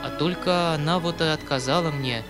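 A man's voice: fairly high pitch, moderate pace, music in the background, natural voice. A man reading an audiobook, voicing an earnest young nephew who protests in alarm.

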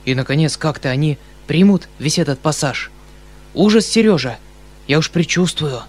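A man's voice: a little high, expressive. A man voicing a kindly, flustered uncle who speaks hurriedly and anxiously. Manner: hurried, fretful.

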